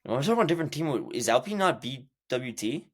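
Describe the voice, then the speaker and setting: A very fast-talking man with a mid-range voice chats casually as a podcast co-host. He is excitable and slangy, doubling back to repeat his phrases. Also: medium pitch. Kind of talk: casual motorsport chat.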